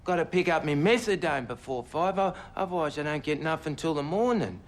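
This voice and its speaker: Actor as a rambling Australian junkie witness. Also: male voice, a little high, animated, fairly quick, close to an everyday voice. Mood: indignant. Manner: rambling, indignant, slangy, repeats "mate". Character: agitated scruffy male pensioner addict witness, cocky and evasive. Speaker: witness in court. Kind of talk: film drama acting.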